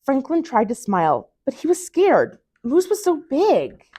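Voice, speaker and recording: Reading a children's picture book aloud, a woman tells the story expressively, like a library storytime reader. Her voice is high and her pace unhurried.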